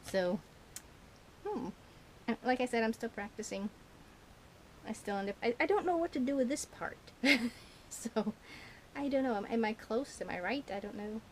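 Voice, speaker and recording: A woman's voice: mid-range voice, darkish tone, slight background noise. A woman vlogger chatting casually about her shopping haul, giggling often and rambling with lots of fillers, her tongue a little burnt. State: burnt tongue, slightly slurred. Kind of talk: casual rambling chat to camera.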